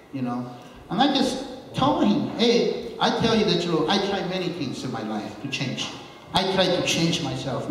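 A man's voice: high-pitched, fairly bright tone, distant mic, a little hiss or hum. Man preaching in an echoey hall. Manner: earnest storytelling, quotes the speech of others. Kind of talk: sermon. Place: church.

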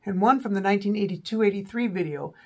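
A raspy, high-voiced man in his forties talks fast while hosting his own rock music video channel, casually going through rock albums from a small indoor room with a backdrop. He has a cold and a slightly sore throat, his voice may crack, and he uses many ums and corrects himself often.

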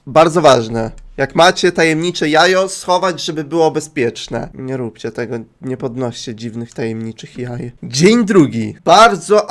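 Playful male gamer doing commentary for his viewers, pitch on the high side. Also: a bit bright. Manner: playful, addresses viewers, swears casually. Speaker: gaming YouTuber. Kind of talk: let's play commentary.

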